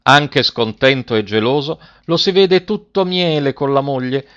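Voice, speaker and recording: A man reading a fairy tale aloud as narrator, with a measured, expressive delivery. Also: mid-range voice. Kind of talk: storybook reading. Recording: dry, slightly muffled recording.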